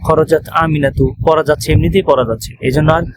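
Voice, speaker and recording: A man with a Bangladeshi Bengali accent teaching an online Arabic grammar lesson. He explains step by step, often asks checking questions, and reads example phrases slowly before translating them. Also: a little high, fairly even intonation, noisy background.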